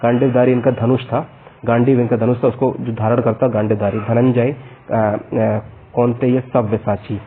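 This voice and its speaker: Speaking in a level, mid-range voice with a North Indian Hindi accent, a man teaches Hindi vocabulary for exams by listing synonyms and word pairs, stopping now and then to clarify. The sound is tinny, narrow-band lo-fi with slight background noise.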